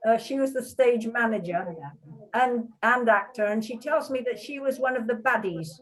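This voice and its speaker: A woman's voice: on the high side, moderate pace, poor audio. Woman, former artistic director, enthusiastic show-and-tell, laughing asides, video call.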